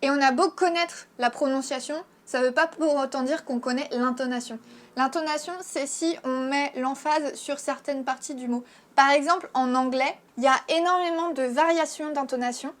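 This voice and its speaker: High-voiced chatty French woman teacher. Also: moderate pace. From France. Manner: chatty, frank, lots of fillers. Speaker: Japanese teacher and YouTuber. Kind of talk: casual video lesson.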